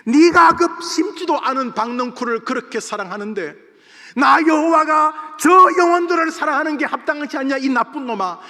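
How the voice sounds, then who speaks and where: A man preaching, voicing an enraged God who scolds a stubborn prophet in a booming, furious voice. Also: a little fast, a bit bright, lightly acted. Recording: long reverb of a church hall.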